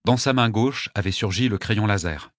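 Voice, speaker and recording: A man narrating a story in a steady, measured way. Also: on the low side, dry recording, studio quality. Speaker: audiobook narrator. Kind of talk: scripted narration.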